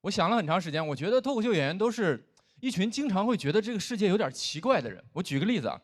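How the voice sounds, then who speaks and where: A man in his thirties hosts a stand-up comedy show before a live audience, speaking into a stage microphone. His voice sits high, and he talks in a playful, animated, rapid-fire way.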